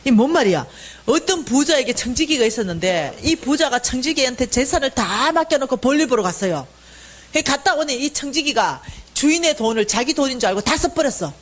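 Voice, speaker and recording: Woman preaching her story, highish voice that swings up and down a lot. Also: brisk. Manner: animated storytelling, acting out prayers loudly; speaks to the audience directly. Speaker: church finance lecturer. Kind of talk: personal testimony sermon.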